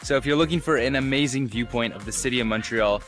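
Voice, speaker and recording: Male travel vlogger, mid-pitched, enthusiastic and informal, guide-style presenting over a music bed. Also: fast, fairly bright tone. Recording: music behind the voice.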